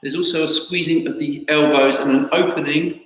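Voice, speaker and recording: Echoey, higher-voiced man giving calm tai chi cues. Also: moderate pace. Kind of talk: instructional movement cues. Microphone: camera at a distance. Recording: very echoey hall, distant mic, faint music.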